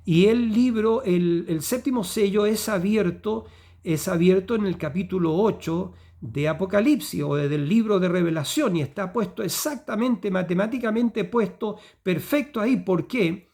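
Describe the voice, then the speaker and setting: High-voiced man preaching a sermon. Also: normal speed, a little mellow. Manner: teaching tone with frequent "¿ya?" and "¿cierto?" checks; fillers and repeated phrases while building a point.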